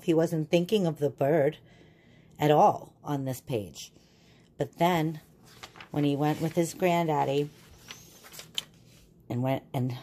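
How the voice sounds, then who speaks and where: Reading a children's picture book aloud, a woman uses a low-pitched, dark voice. Her explanations are deliberate and teacherly.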